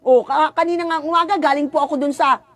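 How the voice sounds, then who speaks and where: Woman preacher, very high voice, dry close sound, impassioned sermon with rhetorical questions. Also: steady tone, fast talker, no echo. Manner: mixes storytelling with exhortation.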